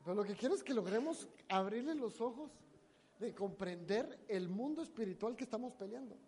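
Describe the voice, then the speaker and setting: A preacher tells a story in a sermon, dramatic, swinging between loud emphasis and hushed asides. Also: mid-range voice, expressive, brisk, slightly rough.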